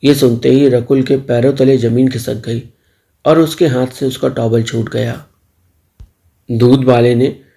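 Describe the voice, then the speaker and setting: A male storyteller reads a story aloud at an even, measured pace. His voice is gravelly with a lot of fry, and sits dark and mellow. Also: mid-range voice. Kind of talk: storybook narration.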